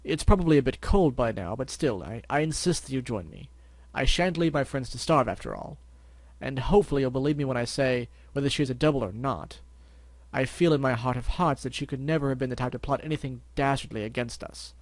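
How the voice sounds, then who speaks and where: A man voicing a pompous, well-spoken gentleman pony in a storybook reading, with prim, formal, wordy speech. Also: medium pitch, brisk, no room sound, close to an everyday voice. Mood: gracious.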